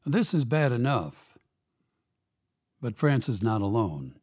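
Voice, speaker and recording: A man reads a scripted opinion commentary as a radio program's host. His voice sits at an ordinary pitch with a dark, mellow tone. He delivers each point in a measured, emphatic, pointed way. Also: big pitch swings, slightly rough.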